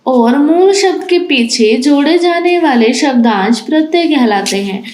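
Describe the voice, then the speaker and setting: A woman teacher giving a grammar lesson to young children, reading words out slowly and one by one as she explains them. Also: sits high, lively intonation, a little mellow, reverberant, poor audio. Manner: slow, deliberate, spells out words for children. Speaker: school teacher.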